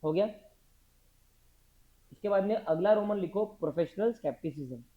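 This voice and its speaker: A man's voice: sits high, expressive, normal speed. Guy teaching, dictates notes n quizzes the class over and over, muffled recording. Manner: drills the class with repeated questions.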